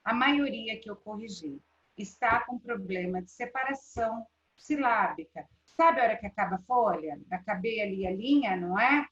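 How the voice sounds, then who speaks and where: A woman's voice: medium pitch, animated, moderate pace, a bit bright. A woman teacher with a Brazilian Portuguese accent giving a live online class, checking in with students often. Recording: roomy, dull lo-fi sound.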